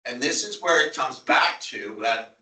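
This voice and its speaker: A man with a Long Island accent argues over budget figures at a public transit board meeting, where he serves as a town representative. His mid-range voice is animated and sharp at a measured pace, and he's insistent and repetitive, apologetic yet still pressing. It's recorded from far off in an echoey meeting room.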